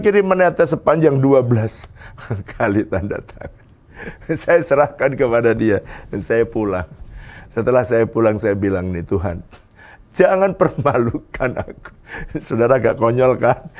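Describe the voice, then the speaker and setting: Male pastor, sermon, animated storytelling, chuckles often, mid pitch. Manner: animated storytelling with acted quotes. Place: church sanctuary.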